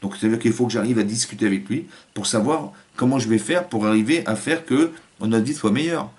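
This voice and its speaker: A man, a rabbi, giving a Torah lecture in an animated way, acting out family voices and restarting his phrases often. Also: medium pitch, brisk.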